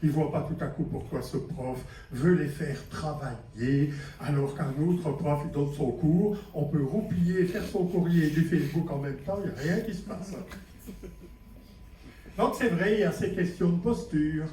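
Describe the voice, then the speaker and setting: A man's voice: fairly high pitch, moderate pace, warm tone. A man from Belgium giving a conference lecture to teachers, chatty and self-mocking, often asking the audience questions. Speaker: conference speaker. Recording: echoey hall, distant mic, faint noise.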